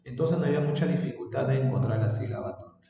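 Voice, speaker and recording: A man's voice: mid-range voice, fast, vocal fry. A male language teacher explaining a lesson patiently, stretching out example words. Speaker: secondary school language teacher. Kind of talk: recorded remote lesson. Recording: dull, roomy, distant with long reverb.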